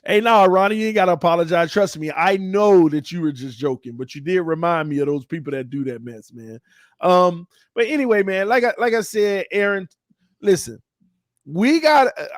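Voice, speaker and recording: A man's voice: high voice, lively intonation, moderate pace, no room sound, studio quality. Fired-up man in his thirties ranting. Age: 30s. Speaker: fan channel host. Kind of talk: sports fan talk show.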